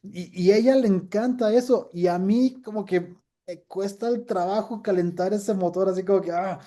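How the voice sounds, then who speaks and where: Man, middle-aged pastor, casual Bible lesson, very mellow voice, fairly high pitch, chatty and playful. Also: normal speed. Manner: chatty, jokey, acts out little quoted scenes. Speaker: pastor teaching a class.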